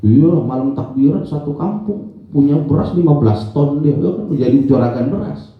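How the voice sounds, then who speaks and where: In an office prayer room, a man teaches an informal religious lesson, chatting, telling stories and frequently testing his listeners with questions. His fairly high voice is animated at a moderate pace, heard through echoey, dull lo-fi room acoustics.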